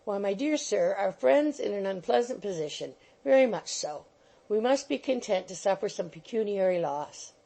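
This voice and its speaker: A woman with a mid-range, gravelly, dark-toned voice speaks expressively at a moderate pace, playing a fussy, bustling little male attorney. Wheedling and coaxing, he keeps repeating "my dear sir." The recording quality is rough.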